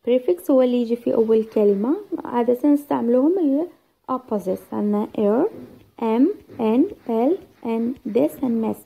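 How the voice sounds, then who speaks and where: A woman's voice: on the high side, a little slow, creaky, dark tone, breathy edge. A woman with an Algerian accent teaching an exam-prep lesson, mixing dialect with English terms and counting syllables aloud. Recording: tinny phone-like sound.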